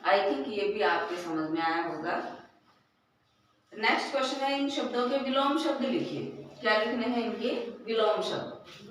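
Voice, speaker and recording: A woman teaching a Hindi grammar lesson, speaking slowly, repeating words and asking the class questions. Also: fairly high pitch, a little hiss or hum. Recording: echoey room, voice from far off.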